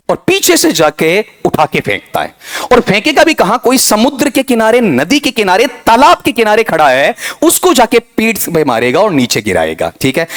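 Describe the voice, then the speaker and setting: A middle-aged man teaching an English vocabulary revision class, animated and fond of asking students questions and saying "theek hai". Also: fairly high pitch. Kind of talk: lively classroom revision lecture.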